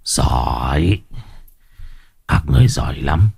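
A man voicing a vengeful old male sorcerer who mutters low threats. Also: expressive, slow, creaky, darkish tone, breathy edge, dry recording, clean studio sound, heavily acted. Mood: menacing.

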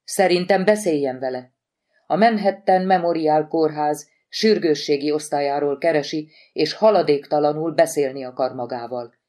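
Woman reading dutiful secretary lady, firm, matter-of-fact, mellow tone. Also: low-pitched, natural voice.

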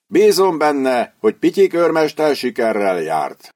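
A man's voice: a little high, very animated, darkish tone, voice pushed up. A male narrator voicing a cold, scheming army lieutenant who reports to his colonel in stiff military formality. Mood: coldly urging. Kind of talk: audiobook character voice.

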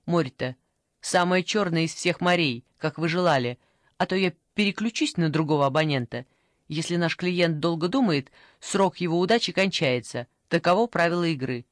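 A woman voicing a brisk, strict young female phone operator in an audiobook, pushy and salesy, recorded dry and close. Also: lowish voice, animated, dry recording, close to an everyday voice. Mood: firm. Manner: pushy, salesy, rattling off offers. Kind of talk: audiobook character voice.

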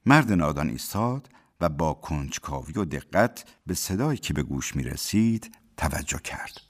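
A man narrating a fairy tale in a radio play, in measured storytelling. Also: rumbling low, sing-song. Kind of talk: scripted radio drama narration. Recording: radio narration over music.

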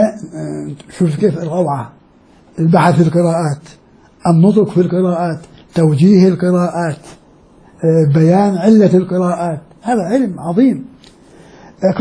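A man teaches a class, his voice very high yet very dark and mellow. He explains grammar step by step, drawing out key words slowly. He keeps checking in with questions to his students. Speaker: Islamic studies lecturer. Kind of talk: classroom lecture on Quran readings and grammar.

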